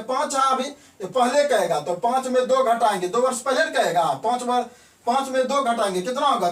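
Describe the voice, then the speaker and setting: A man's voice: very high-pitched, fairly bright tone, far from the mic. Man teaching math in an echoey room. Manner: asks and answers his own questions, repeats key words. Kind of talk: classroom lesson.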